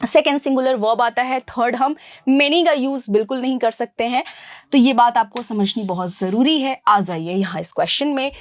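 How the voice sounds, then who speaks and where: Brisk, bright woman teaching English grammar. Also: on the high side, no room sound. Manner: asks questions and answers them herself, calls students "beta" and "guys". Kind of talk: exam-prep grammar lesson.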